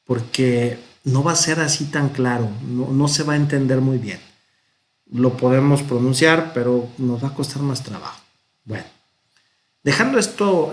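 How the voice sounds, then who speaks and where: Slow, patient Mexican man teaching. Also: mid-range voice. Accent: Mexican Spanish. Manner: patient, explains step by step, pronounces examples slowly. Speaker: Hebrew teacher. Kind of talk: unhurried grammar lesson.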